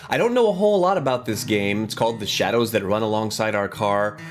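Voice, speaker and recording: A gaming video host with a lowish, expressive voice talks fast through a casual let's play, thinking aloud informally and now and then reading game text. Guitar game music plays behind him.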